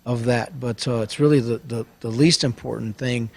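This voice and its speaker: Halting, earnest man. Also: mid-range voice, fairly even intonation, a little mellow. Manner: earnest and halting, many restarts and pauses. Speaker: service company owner and show host. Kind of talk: reading a letter aloud and chatting on a radio show.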